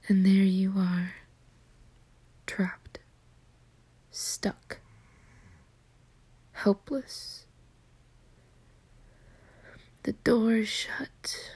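A woman voicing a seductive, menacing succubus in a whispered role-play, teasing and dominant, with a breathy, husky whisper. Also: mid-range voice, a little mellow, no echo, full character voice. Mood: predatory, menacing. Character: seductive, menacing female succubus taunting her prey.

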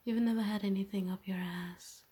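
A woman doing an intimate whispered role-play as a tender, teasing, dominant lover, speaking in a soft, breathy voice. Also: medium pitch, steady tone, moderate pace. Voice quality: breathy, airy.

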